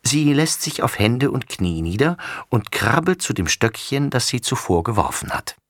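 A man reading a children's story aloud with lively, expressive narration. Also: mid-range voice, moderate pace, no room sound, studio quality.

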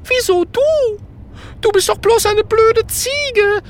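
A woman voicing a weepy, boastful male ghost who used to be a pickpocket, wailing and sobbing in a very high, shrill voice. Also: slow. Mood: scornful.

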